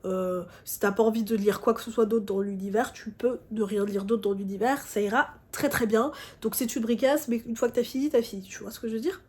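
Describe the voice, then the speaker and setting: A woman's voice: mid-range voice, darkish tone, breathy edge. A woman chatting casually about books, talking straight to the viewer with playful asides. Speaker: book reviewer. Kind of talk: casual book review chat.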